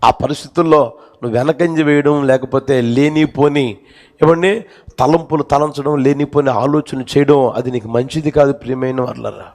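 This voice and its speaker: Gravelly impassioned male preacher. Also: medium pitch, fairly even intonation, moderate pace, a little mellow. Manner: impassioned storytelling, repeated phrases. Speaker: pastor. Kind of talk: sermon. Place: church.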